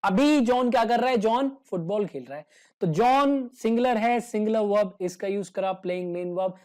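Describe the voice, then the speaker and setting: A man explains English grammar as a teacher in an easygoing, humorous way. He acts out small everyday dialogues to make his examples clear. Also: sits high, moderate pace, a little mellow. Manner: casual and joking, acts out little everyday dialogues.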